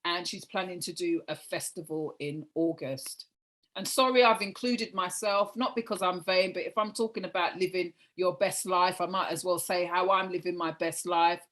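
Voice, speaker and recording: A woman's voice: on the low side, normal speed, a bit bright. A woman over fifty hosting an online event, speaking informally as she presents and introduces on a video call. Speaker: event host.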